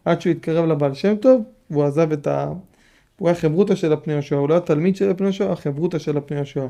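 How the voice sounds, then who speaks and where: Mellow-voiced man teaching a Torah lesson. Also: a little high, gravelly. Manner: repeats phrases and explains patiently to listeners. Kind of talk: Torah lesson, reading and explaining a text.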